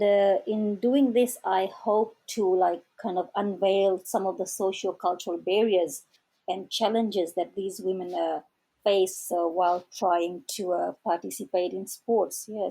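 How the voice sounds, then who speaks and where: A middle-aged woman from Fiji with an Indo-Fijian accent, speaking reflectively as an interview guest with hesitant pauses. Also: mid-range voice, fairly even intonation, creaky, mellow, breathy edge, low-quality recording. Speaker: interview guest, doctoral researcher.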